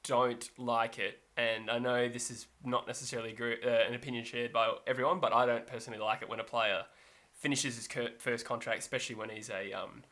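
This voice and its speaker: Quick and nearly pause-free, this man talks in a mid-range voice that's level yet sharp. Co-hosting a sports podcast, he chats casually, wanders off track, revises his own statements, and laughs readily.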